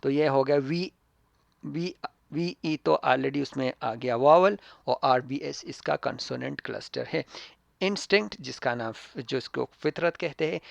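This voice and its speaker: A man teaching an English textbook lesson to pupils, with a Pakistani accent, drilling words slowly and repeating each sound loudly. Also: mid-range voice, gravelly, no echo, muffled recording.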